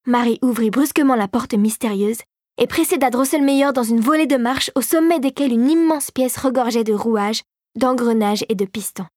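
A woman narrating a storybook in a measured, even manner, reading from a script. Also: a little high, no echo, clean studio sound. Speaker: audiobook narrator.

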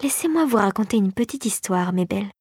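A woman's voice: moderate pace, no echo, clean studio sound, natural voice. A woman reading an audiobook, voicing a spiteful, scheming sugar plum fairy, a former doll turned regent, peevish and sly. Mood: sly whisper. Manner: peevish, scheming, by turns shrill and hushed.

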